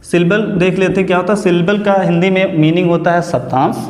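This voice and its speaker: A man teaching grammar in a classroom lesson, slow and deliberate, repeating key words and asking rhetorical questions. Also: high-pitched, steady tone, a little mellow. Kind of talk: classroom lesson, explaining step by step. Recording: echoey classroom with long reverb.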